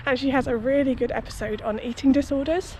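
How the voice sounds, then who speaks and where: Speaking fast in a high-pitched, steady, slightly mellow voice, a young running vlogger talks to her viewers in a loose, hedging manner. She's outside next to a busy city road, and the rough audio is full of street sounds and passing cars.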